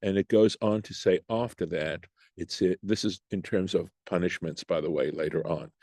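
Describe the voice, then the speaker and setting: A man with a low, mellow voice leads a study class, reading short phrases from the text and then explaining them at an unhurried pace. He thinks aloud with restarts and climbs higher when he poses the debate's questions. The sound is dry and close, as on a video call. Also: fairly even intonation, no echo. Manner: rises in pitch when voicing the Talmud's questions. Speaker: Torah study teacher.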